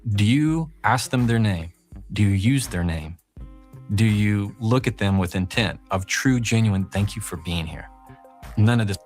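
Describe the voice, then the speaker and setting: A man's voice: fairly low pitch, a little slow, faint music behind. A man giving conversational advice in an earnest way, leaning on rhetorical questions. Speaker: talk guest in a played video.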